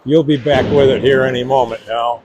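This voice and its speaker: A man joining as guest play-by-play announcer for a hockey broadcast, talking in a measured, thoughtful way. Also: medium pitch, fairly even intonation, lo-fi sound. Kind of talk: casual pregame commentary. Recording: noisy arena ambience.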